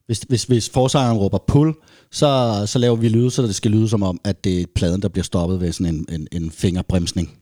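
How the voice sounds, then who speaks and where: A man's voice: fairly low pitch, fairly even intonation, warm tone, no room sound, studio quality. A man, a reggae band musician, talking casually with many restarts and fillers. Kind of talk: casual conversation.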